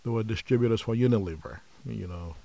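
A man from Nigeria, a podcast guest, telling his story in a measured, reflective way with frequent pauses. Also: fairly low pitch, creaky, warm tone. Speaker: podcast guest, company founder. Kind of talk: conversational interview.

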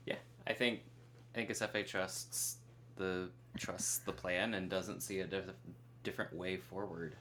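A man's voice: deep voice, steady tone, a little slow, fairly bright tone. A man playing a tabletop game, speaking from further back from the microphone. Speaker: player. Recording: distant mic with faint hum.

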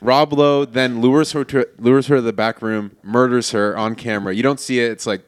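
A man's voice: mid-range voice, fairly even intonation, moderate pace. Male podcast co-host, medium register, loose profane storytelling in a casual film discussion. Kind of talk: casual film plot retelling.

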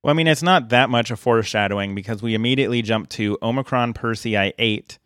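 A man's voice: medium pitch, fast, fairly bright tone, clear, resonant tone, no room sound, clean studio sound. A man co-hosting a podcast, recapping a cartoon episode in casual chat with fillers. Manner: chatty and matter-of-fact, with fillers.

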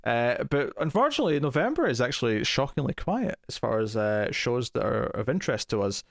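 A man's voice: medium pitch, sing-song, a little fast, creaky, no room sound, clean studio sound. Man hosting a chatty podcast. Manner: chatty, many fillers and restarts. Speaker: podcast host. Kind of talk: casual chat.

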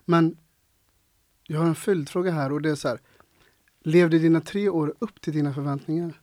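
A woman hosting a casual interview podcast, supportive and quick to chime in with short agreeing sounds. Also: deep voice, mellow, no room sound, clean studio sound. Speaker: podcast host.

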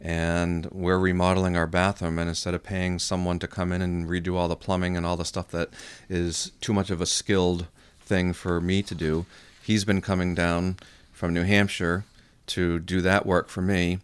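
A middle-aged man co-hosting a radio show, chatting casually about practical advice in a halting, thinking-aloud way. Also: deep voice, flat delivery, clean tone, no echo. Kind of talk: casual money-advice chat.

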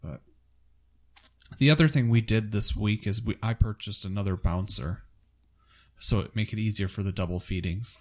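A man's voice: fairly low pitch, moderate pace, long pauses. A tired young man, a new father of twins, chatting casually on a podcast and rambling with lots of fillers. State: exhausted, yawning. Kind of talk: casual chat.

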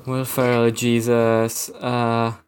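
A man's voice: medium pitch, monotone, clean tone. A man co-hosting a podcast, chatting casually about a film with many fillers and restarts. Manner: halting, full of fillers and restarts. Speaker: podcast co-host. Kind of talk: casual movie review chat.

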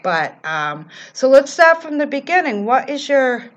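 A woman's voice: high-pitched, sing-song, unhurried. A woman hosting a podcast, chatting casually as she interviews a guest in a basement room. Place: library basement.

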